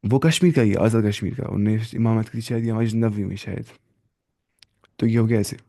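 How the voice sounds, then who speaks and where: A man teaching a live online Quran reading lesson, drilling letters and sounds slowly one by one. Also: lowish voice, gravelly, warm tone. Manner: slow drawn-out letter-by-letter drilling.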